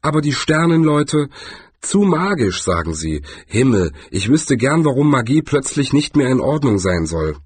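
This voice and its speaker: Man voicing a small, sardonic shopkeeper, high and breezy, slightly husky. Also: sing-song, normal speed, dry recording. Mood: wry.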